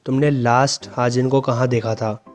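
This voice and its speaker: A man reading the lines of a calm, formal police detective asking questions. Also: medium pitch, moderate pace, faint music behind, close to an everyday voice. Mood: probing. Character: adult male police detective, calm and probing.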